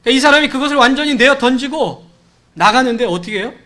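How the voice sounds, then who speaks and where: A male pastor delivers a Sunday sermon in a church, with a noticeably high-pitched voice. He speaks to the congregation conversationally and slips into the voices of the people in his story to act out their pleas. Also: animated, fast talker, pushed and bright. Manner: conversational preaching, acts out quoted cries and dialogue. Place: church sanctuary.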